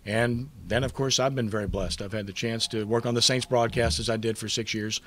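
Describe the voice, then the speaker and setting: A man's voice: mid-range voice, steady tone, fairly quick. A man in his fifties from New Orleans gives a humble acceptance speech at a press conference, full of stories and thanks. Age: 50s. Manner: humble, storytelling, warm thanks. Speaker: award recipient, sportswriter.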